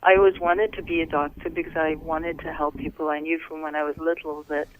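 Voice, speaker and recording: A middle-aged woman from Wales, a physician guest on a podcast, speaking softly and unhurriedly, with many pauses, over a phone call. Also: sits low, little pitch movement, a little hiss or hum. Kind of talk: casual interview talk. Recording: tinny phone line.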